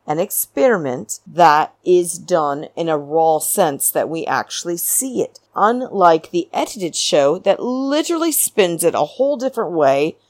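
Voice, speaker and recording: A woman with a low voice hosts a podcast in a close, dry recording. She talks slowly and theatrically, stretching key words for emphasis. Her chatty recap is blunt and full of opinion. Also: animated, a little mellow, no echo. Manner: theatrical, drawn-out emphasis, addressing listeners as darlings. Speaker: podcast host. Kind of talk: chatty reality-show recap monologue.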